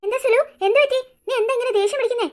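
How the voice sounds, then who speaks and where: Woman voicing a gruff angry cartoon husband. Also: very high voice, very fast, a little mellow. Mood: puzzled. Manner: gruff, scolding. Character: stern middle-aged husband, short-tempered. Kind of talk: cartoon dubbing.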